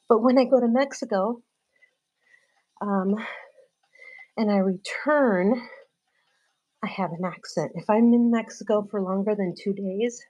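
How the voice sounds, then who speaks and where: During a live-streamed workout, a woman whose first language is Spanish chats casually with viewers, warmly greeting them by name, laughing often, and using many fillers. Her medium-pitched voice moves slowly with frequent pauses, and the sound is lo-fi.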